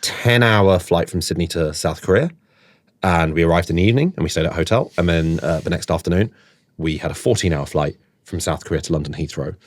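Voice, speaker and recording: Low-voiced man riffing wryly. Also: fairly quick, no room sound. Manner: wry, riffing with deadpan jokes. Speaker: podcast co-host. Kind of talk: casual comedy chat.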